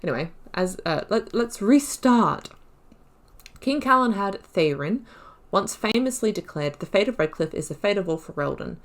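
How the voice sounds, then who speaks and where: Reading game lore aloud for a gaming video, a woman breaks in with loose, self-correcting side comments. She sounds expressive, her pitch medium and her pace moderate.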